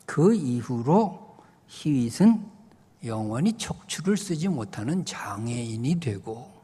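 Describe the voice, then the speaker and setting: Slow, earnest pastor in a reverberant church. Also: male voice, mid-range voice, husky. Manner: storytelling with emotional emphasis, rising to loud peaks. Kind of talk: sermon. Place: church sanctuary. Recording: long church hall reverb.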